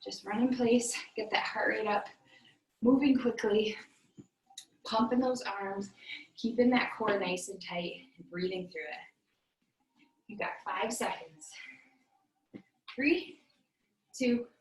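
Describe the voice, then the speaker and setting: Her mid-range voice moves slowly, with long pauses, as she guides an online workout class, counting reps and correcting form while exercising herself in a small room. Expect a roomy echo, a far-off mic, and faint background noise.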